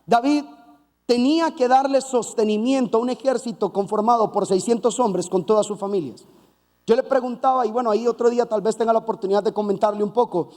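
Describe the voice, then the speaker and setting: A man preaching a sermon, telling a Bible story with lively asides and acted-out voices. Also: sits high, in a large hall. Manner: animated storytelling with playful asides; acts out voices of biblical figures.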